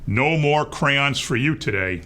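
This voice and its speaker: A man's voice: medium pitch, lively intonation, unhurried, bright, forceful tone. A man voicing a strict, exclaiming mother while reading a storybook to young children. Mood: stern.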